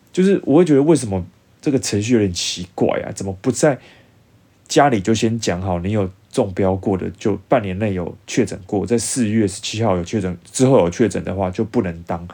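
Young man, Taiwanese Mandarin accent, low voice, animated casual storyteller. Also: slightly rough. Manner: animated, acts out dialogue in changed voices. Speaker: vlogger.

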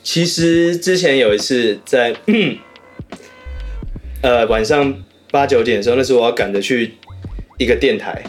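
A man's voice: mid-range voice, a little slow, long pauses, faint music behind. A man from Taiwan co-hosting a casual podcast chat, joking and laughing often. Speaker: podcast co-host.

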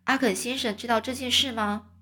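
A woman doing a high, anxious young sailor boy. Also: steady tone, fairly quick, pushed and bright. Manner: alarmed, earnest. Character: young male ship boy, anxious and earnest.

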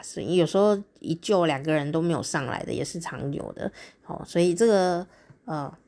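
A woman hosting a casual chat show, telling a story in a chatty, lively way with drawn-out particles. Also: fairly low pitch. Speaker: podcast host.

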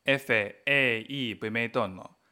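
A man hosting a podcast language lesson, with Mandarin Chinese as his first language. He speaks at a very slow, deliberate pace, in a middle pitch for a man. He models each tone and spells out pinyin one letter at a time. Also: pushed and bright, clean tone. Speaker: Chinese teacher and podcast host.

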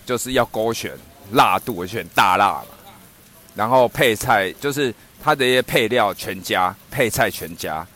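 A man casually telling a funny anecdote, laughing often and acting out what others said. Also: on the low side. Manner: animated, laughs often, acts out quoted speech. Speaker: storyteller in a podcast chat.

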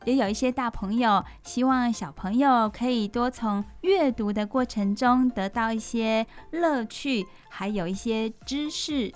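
A woman with a Taiwanese accent hosting a children's bedtime story show, speaking directly to young listeners with questions and soft sentence endings. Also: on the high side, unhurried, hardly any pauses, faint music behind.

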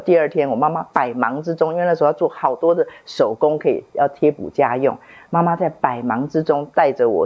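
Low-voiced woman in her fifties, earnest storytelling. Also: breathy edge, lo-fi sound. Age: 50s. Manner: earnest, reflective, repeats herself while recalling. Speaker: book club member sharing a testimony. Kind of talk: personal storytelling.

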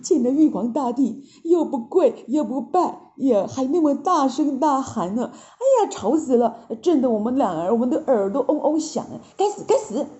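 A woman's voice: sits high, lively intonation, normal speed, few pauses, dark tone, highs cut off, voice pushed up. Woman doing grumbling court officials. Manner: whispered griping.

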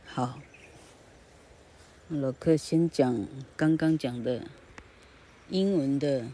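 A woman's voice: rumbling low, extremely slow, dark tone, slightly rough. A woman teaching grammar in a casual, rambling way, spelling words out letter by letter. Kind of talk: casual spoken lesson.

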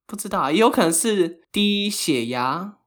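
A man's voice: high voice, expressive, moderate pace, fairly bright tone. A man co-hosting a podcast, telling a story in casual chat with frequent laughter and English phrases mixed in. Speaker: podcast co-host.

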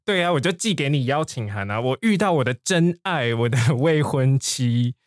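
A man's voice: medium pitch, expressive, normal speed, no echo, clean studio sound. A man co-hosting a podcast lesson, chipping in short replies and laughing often. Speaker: podcast co-host. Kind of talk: bilingual language lesson chat.

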